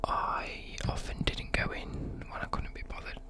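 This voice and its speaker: Whispering young British ASMR creator. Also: normal speed. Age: young adult. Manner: whispering throughout; soft mouth sounds. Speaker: ASMR creator, university student. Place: indoors at a desk. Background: occasional tapping and desk creaks.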